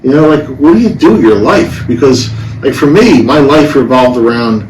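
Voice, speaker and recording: A middle-aged man hosting a casual podcast, talking bluntly and haltingly, with half his face numb. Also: mid-range voice, expressive, a little mellow. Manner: halting, hesitant, blunt and profane. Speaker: podcast host. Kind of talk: casual solo podcast talk, personal storytelling. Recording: roomy, distant mic with faint noise.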